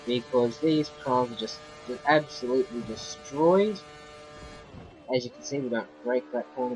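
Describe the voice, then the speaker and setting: Rambling, excitable man commentating a race. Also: mid-range voice. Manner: excitable, rambling, flares into loud frustration. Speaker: racing game commentator. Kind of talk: casual gameplay commentary. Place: bedroom. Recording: muffled lo-fi with faint game music.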